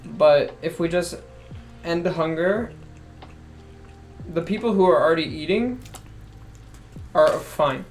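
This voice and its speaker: Blunt young man, higher voice. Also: slow pace, pauses often, faint music behind. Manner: blunt, joking, slangy. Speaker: podcast co-host. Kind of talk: casual chat.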